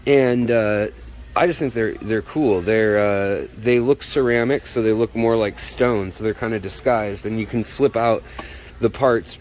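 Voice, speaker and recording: A man hosting a casual, chatty walk-through vlog, his voice slightly muffled by a face mask, as he shows viewers around a shop. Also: medium pitch. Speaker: host of a shop tour video. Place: inside a pet shop, walking around. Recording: clear background noise, store ambience.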